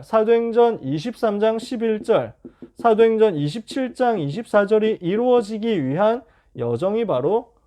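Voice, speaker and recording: A man teaching a Bible lesson to church high school students, telling the story with lively rhetorical questions.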